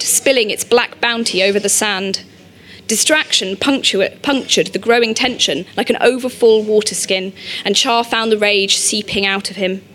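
A woman reading an audiobook, narrating in a measured, steady storytelling manner. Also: on the high side.

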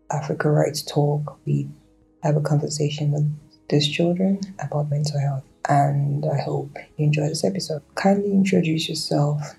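A woman hosting a podcast, introducing the show and asking questions in a measured way. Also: sits low, creaky, warm tone, husky, low-quality recording. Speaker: podcast host. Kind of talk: podcast interviewing.

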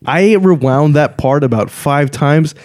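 A man's voice: fairly high pitch, measured pace, darkish tone. A man co-hosting a movie review podcast, chatting casually and emphatically advising listeners. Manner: emphatic, giving advice to listeners. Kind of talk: casual chat.

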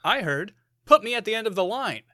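A man's voice: sits high, big pitch swings, fairly quick, over loud music. Brief: man as eager pre-recorded hold tape, sing-song, cheesy. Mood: overeager. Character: chipper pre-recorded tape, male, pushy.

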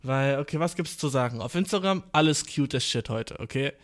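A man's voice: medium pitch, lively intonation, fairly quick. A young man hosting a casual solo podcast, hyperactive and playful, full of slang and swearing, who keeps calling the listener bro. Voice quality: slangy, swears a lot, says bro constantly. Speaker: podcast host. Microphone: phone in hand.

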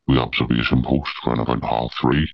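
A man, his voice disguised and pitched very deep, telling his story in an interview, halting with many fillers and restarts. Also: fairly even intonation, gravelly, no echo, lo-fi sound. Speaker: amateur paedophile hunter.

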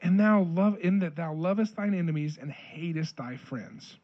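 A man's voice: a little high, lively intonation, normal speed, dull audio. A man co-hosting a casual podcast, reading King James verses aloud and then retelling them jokingly in everyday words. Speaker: podcast co-host reading scripture. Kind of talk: casual Bible reading and discussion.

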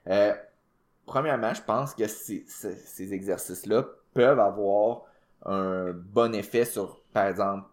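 A man's voice: lowish voice, unhurried. A man with a Québécois accent co-hosting a fitness podcast, explaining training casually with many fillers and English gym terms. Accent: Québécois French. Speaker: podcast co-host, powerlifting coach.

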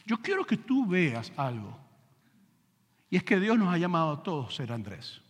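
A male pastor preaching a sermon in an animated, conversational way, firing rhetorical questions at the congregation. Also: on the high side, normal speed, husky, long reverb tail. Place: church sanctuary with pulpit.

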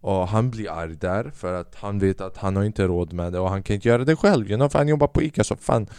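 Cursing and rambling through casual comic stories, a male podcast host acts out the voices of those he quotes. He speaks on the low side with a darkish, clean tone and no echo.

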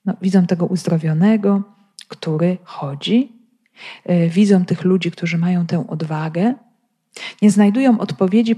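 A woman's voice: lowish voice, a little mellow. A woman giving a spoken Bible commentary, explaining the text and asking many rhetorical questions while addressing her listeners directly. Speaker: Bible teacher.

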